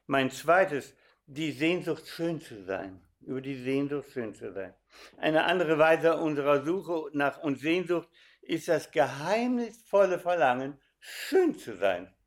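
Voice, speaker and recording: A man's voice: fairly high pitch, takes it slowly. An older man giving a sermon, telling stories and speaking directly to his listeners. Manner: animated storytelling, addresses audience directly. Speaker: preacher.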